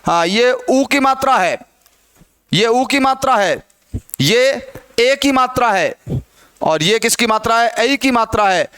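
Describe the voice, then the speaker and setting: A man's voice: extremely high pitch, lively intonation, unhurried, long pauses, bright, forceful tone, smooth. A man teaching a Hindi grammar lesson, who asks the class questions and answers them himself.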